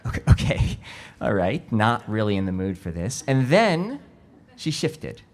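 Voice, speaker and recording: Guy in his 30s preaching a sermon, takes his time, soft and reflective, voice drops low when it gets emotional. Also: big pitch swings. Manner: slow, reflective storytelling with quiet emotional dips. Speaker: rabbi.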